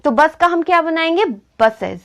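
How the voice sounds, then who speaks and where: A young woman, an English teacher, runs a classroom-style spelling lesson, often asking a question and then answering it herself. Her voice is very high, expressive, and fairly bright, at normal speed.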